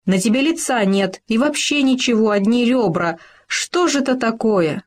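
A woman's voice: mid-range voice, expressive, unhurried, a little mellow. A woman voicing a sly, scheming female fox in a storybook reading, talking in a sugary, wheedling way. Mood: fretful. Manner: sugary, wheedling, then fretful.

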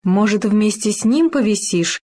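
A woman's voice: medium pitch, lively intonation, moderate pace, mellow, natural voice. A woman voicing a sly, scheming female fox in a storybook reading, talking in a sugary, wheedling way. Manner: sugary, wheedling, then fretful.

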